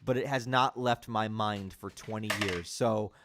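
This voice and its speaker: A man's voice: on the low side, unhurried, background noise. A man giving a casual film critique, with sarcastic, exasperated commentary. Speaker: film reviewer.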